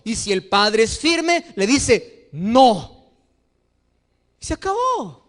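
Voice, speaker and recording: A man's voice: very high-pitched, sing-song, measured pace, fairly bright tone. A middle-aged male pastor preaching a sermon to his congregation, impassioned and sing-song, often putting questions to the listeners. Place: church before a congregation.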